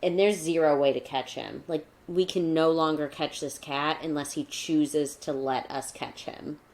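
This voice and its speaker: A woman's voice: deep voice, steady tone, measured pace, a little mellow. A woman co-hosting a casual podcast, chatting in a rambling way with lots of "like", and sometimes slipping into a mock newscaster voice. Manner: chatty, rambling with many likes; mock newscaster voice in her cat segment. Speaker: podcast co-host. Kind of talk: casual chat.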